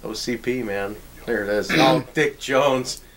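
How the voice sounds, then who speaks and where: A man's voice: medium pitch, a little slow, gravelly, fairly bright tone. A man commenting casually on a movie, enthusiastic and reacting in short bursts. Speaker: film commentator.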